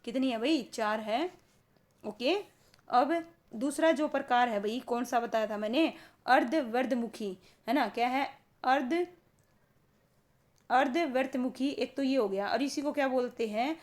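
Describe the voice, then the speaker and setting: Woman, grammar teacher, higher-pitched voice, asks questions and answers them, stresses key terms slowly. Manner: keeps asking the class questions and answering them herself. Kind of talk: grammar lesson for exam students.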